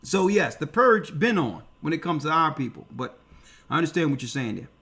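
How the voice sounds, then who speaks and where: High-voiced man hosting a call-in show. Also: big pitch swings, brisk, a bit bright. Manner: casual, repeats "all right" and "okay". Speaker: host.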